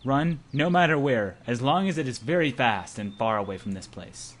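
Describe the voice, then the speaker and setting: A young man's mid-range voice, with lively intonation at a normal speed, narrates a visual novel for fun. He's an amateur, hammy and playful, switching between dramatic reading and joking asides. Background noise is clearly audible in this amateur home recording.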